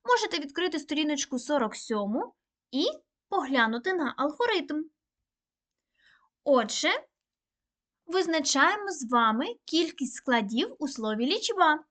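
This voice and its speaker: A woman teaching a recorded online primary-school lesson, dictating words slowly and clearly. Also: high voice, very animated, a bit bright. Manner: slow, clear, deliberate dictation.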